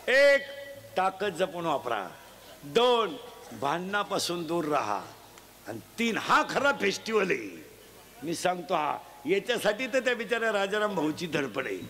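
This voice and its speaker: High-voiced preacher, noisy. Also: male voice. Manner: loud, teasing, quizzes children in the crowd. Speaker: folk preacher addressing a crowd. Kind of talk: humorous moral sermon with call-and-response. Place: outdoor festival gathering. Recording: noisy live crowd recording.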